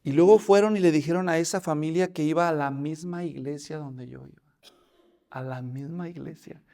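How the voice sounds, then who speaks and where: Pastor preaching, fairly high voice, talks to the church like brothers. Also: male voice, moderate pace, creaky. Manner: animated storytelling, addressing listeners as brothers. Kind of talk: sermon.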